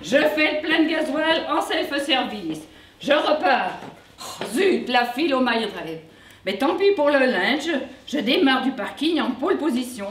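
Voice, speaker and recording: This woman, a sketch performer from the Vosges in France, delivers a comic stage monologue in a high voice that is blunt, folksy and mocking. She sounds very animated but never hurries. The recording picks her up from far off in an echoey room.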